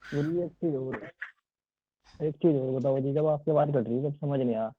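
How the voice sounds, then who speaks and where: A man's voice: on the high side, moderate pace, dry recording. A man, a student in an online class, asks questions politely and answers the teacher, heard through a muffled lo-fi phone line. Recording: dull lo-fi phone call audio.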